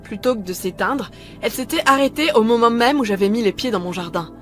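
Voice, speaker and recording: A woman narrating a first-person horror story in a calm, measured way, scripted. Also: fairly high pitch, faint music behind.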